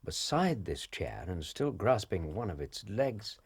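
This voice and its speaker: An English gentleman doctor, a detective's loyal companion in a period drama. His voice is deep and husky, rising and falling expressively, with a genial, proper politeness. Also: sing-song, a little slow, heavily acted. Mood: grave.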